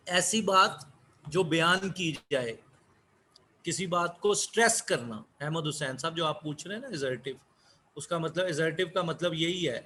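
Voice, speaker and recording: A man teaching an online English class, speaking slowly and repeating key words as he explains. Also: fairly high pitch, a bit bright, slight background noise.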